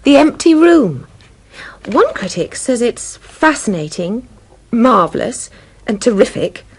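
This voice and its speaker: A woman's voice: a little high, big pitch swings, drawn-out words, slightly rough, heavily acted. A woman acting in a scripted course dialogue, eager and enthusiastic.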